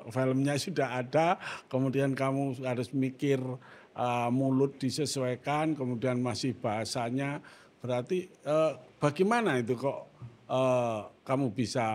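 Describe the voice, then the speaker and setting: A man hosts a casual conversation. He speaks in a middle register, thinking aloud with frequent pauses and fillers. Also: mid-range voice, a little mellow. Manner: thoughtful, hesitant with many fillers. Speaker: host. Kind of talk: casual chat.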